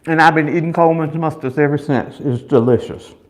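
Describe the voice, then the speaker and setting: Higher-voiced American man chatting while eating. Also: brisk. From Chicago, United States. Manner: talking while eating, chewing between phrases; folksy, emphatic repetition. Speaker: host of an eating show. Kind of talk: casual mukbang chat.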